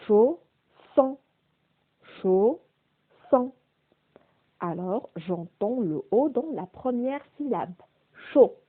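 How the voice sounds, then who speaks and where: A woman teaching a primary school phonics lesson, slowly repeating and stressing each word's sounds. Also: mid-range voice. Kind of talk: slow, deliberate remote phonics lesson. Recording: phone-quality, narrow-band audio.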